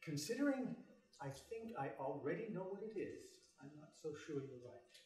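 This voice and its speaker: A man acts out a bookish middle-aged father in an audio drama. His pitch swings widely, and his manner is probing and articulate, loving yet volatile. He sounds set back from the mic in an echoey room. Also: big pitch swings, normal speed, a little mellow, distant mic. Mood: measured, probing.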